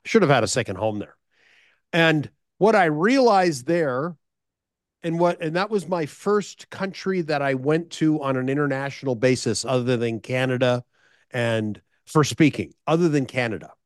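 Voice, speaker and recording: A man's voice: mid-range voice, animated, moderate pace, no room sound, studio quality. A middle-aged American man tells a story on a podcast, sharing business advice with listeners and often repeating and restarting his phrases.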